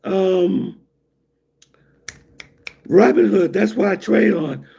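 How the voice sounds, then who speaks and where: A middle-aged American man hosts a casual livestream, rambling loosely to viewers and laughing at his own jokes. His high voice is creaky, dark, and slightly rough, and he draws out his words.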